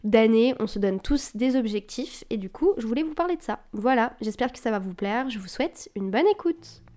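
A woman's voice: a little high, animated, normal speed, a little mellow. Chatty young woman podcasting at home. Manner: chatty, loose, with many fillers and English buzzwords; self-described anxious, encouraging tone. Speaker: podcast host. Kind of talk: casual solo podcast chat. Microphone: desk mic on a boom arm.

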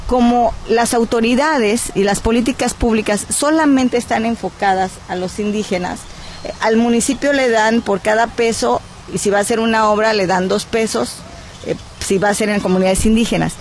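A woman's voice: fairly high pitch, steady tone, normal speed, a little hiss or hum. A woman from Guerrero with a Mexican accent, speaking as a guest in a radio interview. She argues her case earnestly and stops often on hesitation sounds. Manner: earnest and persuasive, with frequent "eh" hesitations. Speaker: cultural advocate, interview guest.

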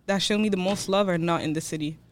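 A woman's voice: lowish voice, steady tone, quick pace, very noisy. A woman in her twenties, from Switzerland, talking bluntly and outspokenly as a podcast guest, with lots of "like". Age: 20s. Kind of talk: casual chat.

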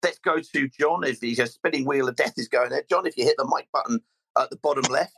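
A man's voice: medium pitch, fast, vocal fry, a bit bright, husky. A man with a southern English, Surrey accent hosting a casual live football fan phone-in, often repeating words as he gathers his thoughts. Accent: Mid-Surrey, southern English. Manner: hesitant, repeats words mid-sentence. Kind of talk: casual live sports discussion.

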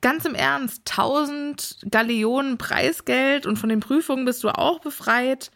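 A woman's voice: high-pitched, a little slow, vocal fry, fairly bright tone, full character voice. A woman voicing a sulky, sarcastic teenage boy in an offhand, muttering way.

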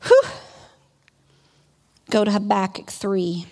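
A woman preacher giving a sermon, reading scripture aloud and then exhorting her listeners in an animated way. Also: medium pitch, slow pace, big-room sound.

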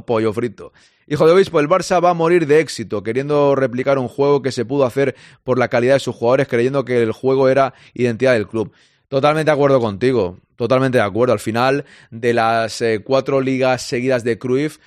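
A man's voice: mid-range voice, no echo. Man from Spain, football stream host: chatty, responsive to chat, dry close sound. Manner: chatty, reads out and answers listener comments. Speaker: podcast host reading listener chat.

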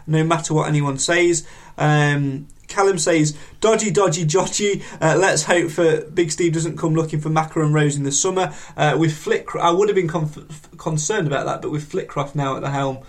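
A man hosting a football fan podcast, reading out viewer comments in a casual, halting way with many ums and restarts. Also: fairly high pitch.

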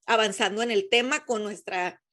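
Woman co-host, conversational, medium pitch. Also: moderate pace, fairly bright tone. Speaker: podcast co-host. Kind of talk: casual chat.

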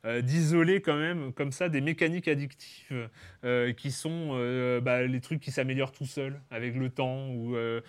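A man's voice: medium pitch, fairly even intonation, moderate pace, clear, resonant tone. A man hosting a casual conversation, talking with many hesitations and restarts. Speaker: podcast host. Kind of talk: casual chat about video games.

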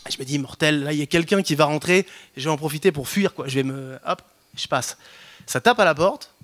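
Lively self-mocking man telling a story. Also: on the high side, brisk. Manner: lively, self-mocking, many restarts and slang. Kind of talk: spoken personal anecdote.

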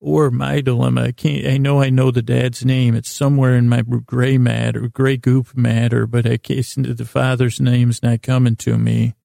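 A sleep-podcast monologue from a male host whose medium-pitched voice is gravelly and deeply creaky, his melody flat and narrow. He wanders, pauses, retraces his steps, mocks himself, and often forgets where he was going. Recorded close up, dry, with no echo.

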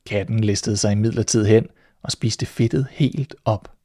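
A man reading a fairy tale aloud in a calm, measured storytelling voice as host of his podcast. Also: lowish voice, no room sound, studio quality.

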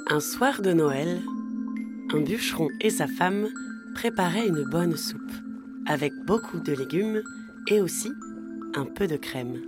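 Slow, low-voiced woman telling a story. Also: animated. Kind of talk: scripted children's story narration. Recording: music playing underneath.

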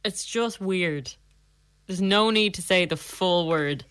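A woman's voice: fairly low pitch, slow pace, a bit bright, smooth, no echo, clean studio sound. An Irish woman co-hosting a radio show, chatting casually and laughing often. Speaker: radio co-host.

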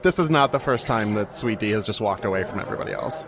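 A man playing a tabletop game, laid-back and quick to laugh. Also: on the low side, animated, noisy background. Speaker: player. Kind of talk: casual game table chat.

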